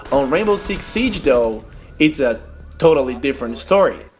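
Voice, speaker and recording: A young Brazilian man whose first language is Portuguese speaks accented English as a gaming tutorial host, walking through gameplay tips step by step in a voice-over. His medium-pitched voice is animated and a little mellow, moving at normal speed over slight background noise.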